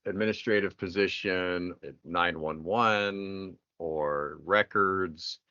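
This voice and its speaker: Brief: low-voiced male podcast host, casual questioner, dry slightly muffled audio. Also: takes it slowly, bright, forceful tone, clean tone, no room sound. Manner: conversational, restarting questions. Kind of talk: podcast interview.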